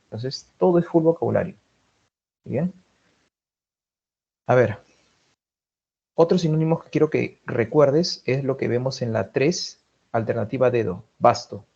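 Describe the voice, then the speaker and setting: In an online class lecture, a man with a Peruvian Spanish accent teaches vocabulary, drilling lists of synonyms and checking in with his students often. His mid-range voice is mellow with a breathy edge and vocal fry, delivered at a measured pace with long pauses. The audio sounds dull.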